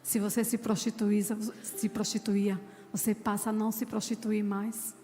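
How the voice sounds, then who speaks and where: A woman's voice: medium pitch, level tone, normal speed, mellow, in a large hall. A woman pastor, preaching a sermon with fervent personal testimony. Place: church.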